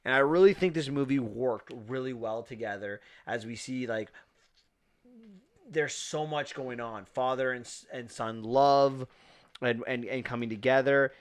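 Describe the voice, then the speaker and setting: A man with a medium-pitched voice speaks a little slowly. Co-hosting a movie podcast, he chats enthusiastically in a casual review, rambling and frequently restarting.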